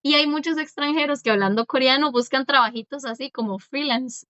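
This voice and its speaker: A woman's voice: high voice, brisk, sharp tone, no echo. A woman teaching a class, patiently explaining and repeating, often checking that the students follow along. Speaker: language teacher. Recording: dry, dull lo-fi sound.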